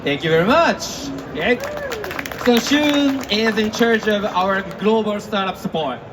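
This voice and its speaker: A man hosts a conference panel, introducing guests with cheers and whoops. His voice sits high for a man. It is picked up from a distance in a hall full of background noise. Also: lively intonation, measured pace, crowd noise. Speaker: panel moderator. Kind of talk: live panel moderating. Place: conference stage. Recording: distant mic in a noisy event hall.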